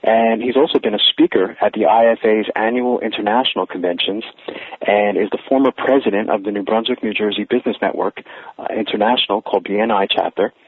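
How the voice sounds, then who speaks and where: A man's voice: on the low side, quick pace, breathy edge, dry recording. Upbeat male radio host, phone-line sound. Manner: upbeat, energetic delivery with frequent laughs. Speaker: radio talk show host. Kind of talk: radio interview hosting.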